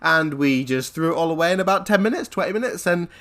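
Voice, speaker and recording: A man, a gaming channel host, telling a story-time vlog in an animated, rambling way with repeated phrases. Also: a little high, quick pace.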